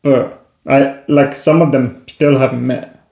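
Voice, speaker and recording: Echoey, even-toned man chatting casually. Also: mid-range voice, unhurried, gravelly. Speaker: co-host of a couple's vlog. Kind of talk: casual conversational chat. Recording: echoey room, slightly dull sound.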